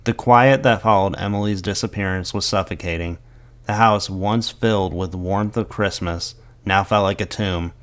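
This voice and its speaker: A man reading a scripted horror story aloud in a dramatic, measured storytelling delivery. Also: low-pitched, a bit bright.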